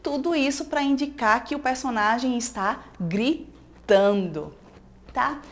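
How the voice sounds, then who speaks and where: A woman's voice: a little high, expressive, takes it slowly. A Brazilian woman teacher giving a recorded school lesson, explaining step by step and checking in with "né?" and "tá?". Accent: Brazilian Portuguese.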